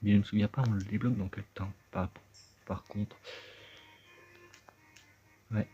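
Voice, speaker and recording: A man with a low voice chats his way through a video game, thinking aloud as he plays. The sound is dull and lo-fi. Soft game music runs underneath. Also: little pitch movement, unhurried. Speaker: let's play gamer. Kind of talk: casual gameplay commentary.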